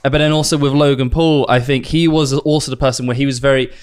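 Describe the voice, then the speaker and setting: A man's voice: mid-range voice, fairly even intonation, quick pace, clear, resonant tone. A man, talking through his career as a podcast guest in a reflective, casual way with the odd swear word. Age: late 20s. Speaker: guest video editor.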